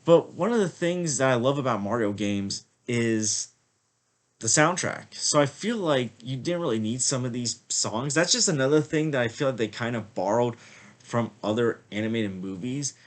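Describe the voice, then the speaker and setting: A man with a medium-pitched, expressive voice talks at normal speed while giving a casual spoken film review. He has a slight cold and sniffles a little, rambling on with lots of fillers like "like" and "I feel like."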